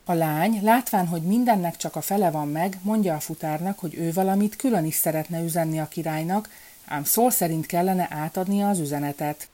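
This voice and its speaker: In calm, measured storybook narration, a woman tells a folk fairy tale. Her low voice is mellow, warm, and steady.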